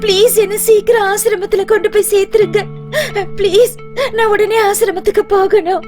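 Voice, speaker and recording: A woman's voice: very high voice, fairly even intonation, normal speed, music in the background. A woman in a dubbed film playing a scared young student, pleading urgently to be taken to safety.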